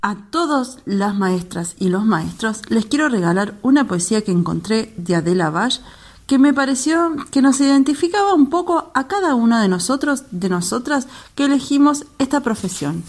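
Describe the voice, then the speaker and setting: A female teacher reads a poem aloud as a dedication to her colleagues. Her reading is heartfelt and steady, and her voice sits a little high. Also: moderate pace.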